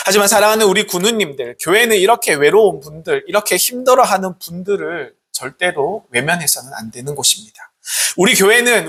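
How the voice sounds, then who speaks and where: Earnest preacher with a husky, lively voice. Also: mid-range voice. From South Korea. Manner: earnest, pleading, many rhetorical questions. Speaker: Salvation Army officer, pastor. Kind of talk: sermon.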